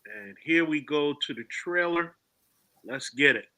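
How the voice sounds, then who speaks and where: A man's voice: a little high, unhurried, sharp tone, dry recording. A man hosting a live-streamed interview, upbeat and encouraging toward his guests. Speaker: host.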